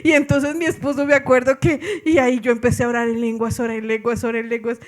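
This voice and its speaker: A middle-aged woman pastor with a Colombian accent, telling a story in a sermon, animated and laughing with exclamations. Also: fairly high pitch, fast.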